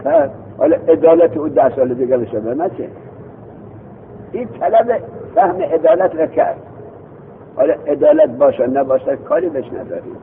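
A teacher runs a seminary grammar lesson, testing his students and repeating their answers in a lively, gravelly voice pitched a little high. The audio is thin and tinny like a phone recording, with slight background noise.

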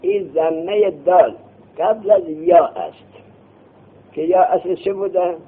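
A man teaching a grammar class, quizzing his students with quick questions, answering them himself and scolding them to put things away and listen. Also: high voice, sing-song, vocal fry, slightly rough. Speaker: seminary teacher. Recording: tinny phone-like lo-fi recording.

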